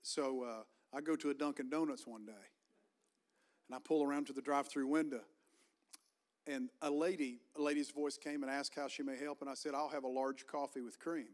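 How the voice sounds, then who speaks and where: A man's voice: mid-range voice, fairly even intonation, a little fast. A male pastor from Virginia with a Southern Virginian accent, preaching a sermon in a church and calling for amens from the congregation. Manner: preaching with call-and-response, rising fervor. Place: church sanctuary.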